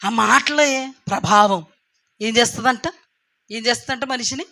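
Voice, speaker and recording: A woman delivers a sermon in a high, bright voice. She is emphatic, rising to loud exclaims, then dropping into quiet asides. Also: normal speed, vocal fry. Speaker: preacher.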